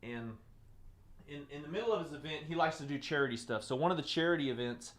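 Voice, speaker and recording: A man teaching a live-streamed lesson, repeating key phrases and moving between loud excited bursts and soft, low delivery. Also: fast talker. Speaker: presenter teaching webinar skills. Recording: roomy echo.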